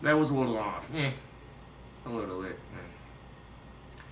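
A man's voice: lowish voice, lively intonation, measured pace, slight background noise. A young man bantering playfully and teasing while trading impressions. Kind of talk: joking banter, doing impressions. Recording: roomy, distant amateur recording.

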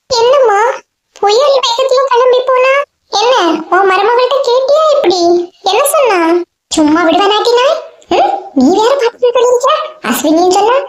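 A woman's voice: extremely high pitch, roomy sound. A woman with a Kanyakumari Tamil accent voicing chatty, scolding village women in a cartoon story. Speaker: cartoon voice artist.

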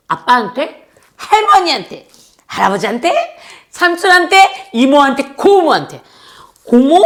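A woman's voice: mid-range voice, a bit bright. A woman in her thirties who teaches young children, talking them through a paper craft in a playful, chatty, singsong way. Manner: playful, singsong, chatty, addresses kids directly.

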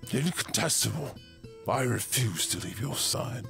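A man voicing a grieving king fearing for his dying daughter, in a rough, emotional delivery. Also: mid-range voice, lively intonation, a little slow, a bit bright, exaggerated voice. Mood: anguished. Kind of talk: audio drama acting. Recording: music bed underneath.

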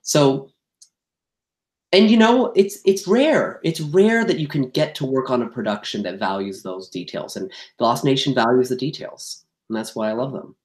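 A man, a theater actor and director, telling candid stories, animated and acting out quoted exchanges. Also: mid-range voice, normal speed, few pauses. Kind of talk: candid interview storytelling. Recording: roomy echo.

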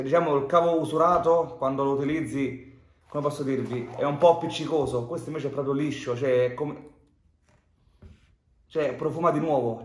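Chatty young man unboxing in echoey room. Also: mid-range voice. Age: young adult. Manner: chatty, informal, many filler "cioè" and "raga". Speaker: vlogger. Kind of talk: casual unboxing vlog. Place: room at a wooden table indoors. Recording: echoey room, faint noise.

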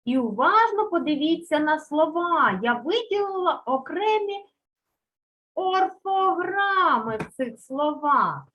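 Slow, sing-song woman teaching young children. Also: high voice, animated, fairly bright tone, slight background noise, rough recording. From Ukraine. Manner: drawn-out stress on key words, coaxing questions. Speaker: primary school teacher.

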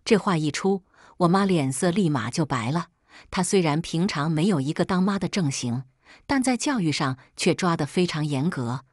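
A woman reads a story aloud at a steady, even storytelling pace. Her voice is slightly low and breathy, recorded up close in a dry space with no echo. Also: normal speed. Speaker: story narrator. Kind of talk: storybook reading.

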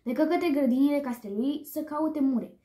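A woman reads a children's storybook aloud in a lively, expressive way. Her voice sits high for a woman, and the recording has a roomy echo. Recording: echoey room.

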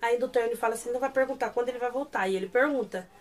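A woman's voice: a little high, racing. Brazilian woman gushing through a recap. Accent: Brazilian Portuguese. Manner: animated, gushing retelling. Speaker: series reviewer. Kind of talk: casual episode recap.

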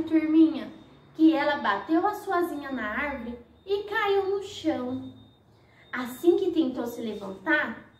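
A woman nursery teacher tells a story for very young children. Her voice is high and lively and she talks slowly, in an exaggerated sing-song. She sounds distant, in an echoey room. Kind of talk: storytelling for toddlers.

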